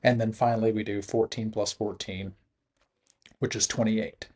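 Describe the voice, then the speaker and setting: A man teaching a recorded math lesson, talking through the steps in a relaxed way and chuckling at his own slips. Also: fairly low pitch, moderate pace, breathy edge.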